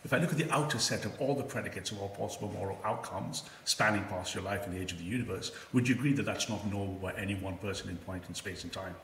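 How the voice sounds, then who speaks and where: A man's voice: on the low side, fast, hardly any pauses, a bit bright. A man in an online debate, pressing a step-by-step argument, his voice ringing in a big echoey hall. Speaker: debate participant. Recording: echoey, hall-like room sound with faint noise.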